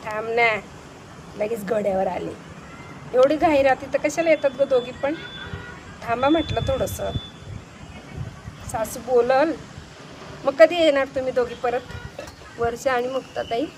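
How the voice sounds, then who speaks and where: A high-pitched woman rattles on in a teasing, bossy way, playing hostess to friends who never get a word in. She scrubs dishes as she talks, standing outside her home. Clear outdoor noise runs under her voice. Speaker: comedy video creator. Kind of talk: one-sided comic monologue to visitors.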